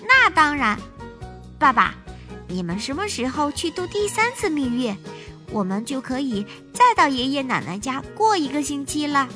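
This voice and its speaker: A woman's voice: high voice, big pitch swings, normal speed, music in the background, voice pushed up. A woman voicing a curious, proud little girl bear in a children's storybook, with an eager, exclaiming way of talking.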